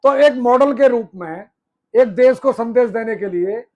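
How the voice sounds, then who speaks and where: Speaking at a measured pace, a movement speaker with a very high, slightly mellow voice delivers a political speech to an audience. He's emphatic, answering his own rhetorical questions and heaping up repeated phrases in lists. The sound is lo-fi.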